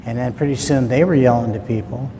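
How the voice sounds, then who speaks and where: A man's voice: mid-range voice, quick pace, warm tone. A man recounting a personal story in a folksy, plain-spoken way, acting out what his dad said. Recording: long hall reverb, faint ambient noise.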